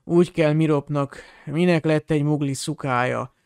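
A man's voice: fairly high pitch, steady tone, darkish tone, smooth, no echo, clean studio sound, natural voice. A man voicing a drunken, squalid middle-aged wizard who rambles, mutters and snarls with contempt. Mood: raging. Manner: slurred, muttering outbursts, spitting contempt.

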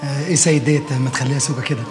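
A man's voice: mid-range voice, fairly even intonation, very fast, over music, lightly acted. An actor playing an awkward, fawning young man with an Egyptian accent.

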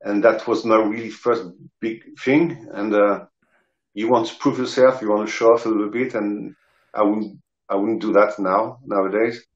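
Male interview guest, French accent, lowish voice, hesitant storytelling, dull roomy video-call sound. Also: steady tone, normal speed. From south of France. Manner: hesitant, searching for words. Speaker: interview guest, rock guitarist and singer. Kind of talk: casual anecdotes. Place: indoor room, video call.

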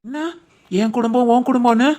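A woman voicing a protective young village husband in an animated family drama, firm and commanding, with a southern Tamil Nadu village dialect. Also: on the high side, brisk, natural voice.

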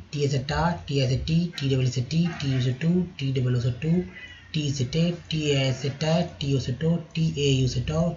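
A male teacher slowly reciting syllables one by one in a slide lesson, with a Hindi accent. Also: medium pitch, darkish tone, a little hiss or hum. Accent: Indian Hindi. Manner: slow, drawn-out syllable-by-syllable recitation. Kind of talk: slide-based spelling lesson. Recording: slightly muffled lo-fi recording.

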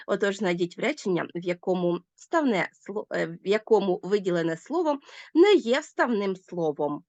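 A woman teacher records a video lesson for schoolchildren, addressing her pupils with emphatic, lively teacherly intonation. Her voice is mid-range with vocal fry, and the sound is lo-fi with no echo.

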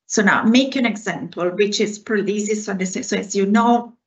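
A researcher in her forties from Italy, speaking with an Italian accent, earnestly answers questions after her talk as a guest speaker on a video call. Her voice is mid-range and fairly quick, and she explains with hand gestures. She's indoors in a room at home, and the call audio is slightly dull.

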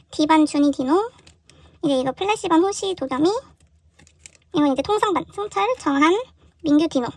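Young woman vlogger, high voice, excitable, unboxing chatter recorded on a camera mic at a desk indoors. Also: dry recording. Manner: excitable, gasping and exclaiming in surprise. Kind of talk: casual unboxing chat.

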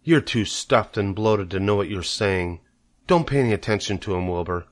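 A man voicing a calm, wise female spider who speaks firmly and disapprovingly. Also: lowish voice, moderate pace, close to an everyday voice. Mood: stern. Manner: firm, disapproving.

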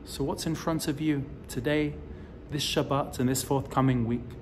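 A man in his forties giving a recorded sermon as a rabbi, telling the story slowly with emphatic rises, filmed close up on a phone indoors. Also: medium pitch, steady tone, noisy background. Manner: slow, deliberate storytelling delivery with emphatic rises. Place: indoors in front of a decorative wall. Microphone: phone or camera close to the face, selfie framing.

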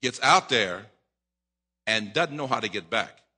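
Middle-aged male pastor, husky and sharp voice, dramatic sermon delivery, long church-hall reverb. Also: on the low side, expressive, measured pace. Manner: dramatic preaching, acting out voices, stammering repeats, rising to shouts. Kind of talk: preaching a sermon. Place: church sanctuary at a lectern.

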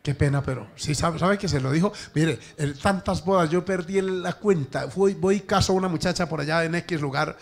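A male pastor preaching a sermon in a lively way, acting out family dialogues for his congregation. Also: a little high, brisk, creaky, hardly any pauses.

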